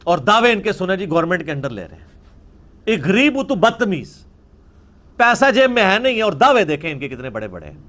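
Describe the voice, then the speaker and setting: A man's voice: high voice, very animated, fairly bright tone. A man giving a religious lecture, arguing and mocking his opponents' views. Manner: mocking, argumentative, mimics opponents.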